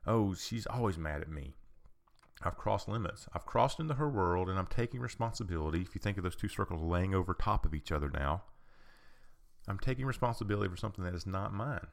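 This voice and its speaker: A man giving an informal talk on personal boundaries, explaining patiently with rhetorical questions, frequent ums and an occasional cleared throat. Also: sits low, animated, quick pace. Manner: clears his throat often.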